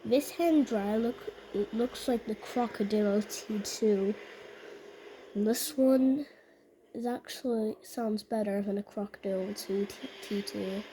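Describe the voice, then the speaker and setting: Woman, slow and halting, muted mellow tone, casual vlog commentary, repeats phrases, faint background noise. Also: medium pitch, low-quality recording. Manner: halting, repetitive delivery with restated phrases. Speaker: video narrator.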